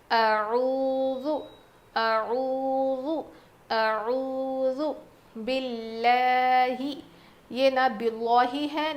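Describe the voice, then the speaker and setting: Woman, high voice, recitation teacher, slow repeated phrases, patient explanations. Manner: recites phrases slowly and repeats them, then explains pronunciation.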